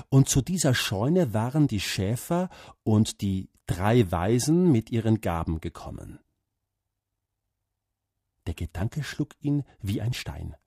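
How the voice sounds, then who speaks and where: A man reading a story aloud, slow and expressive. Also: mid-range voice, husky, no echo, studio quality. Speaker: narrator.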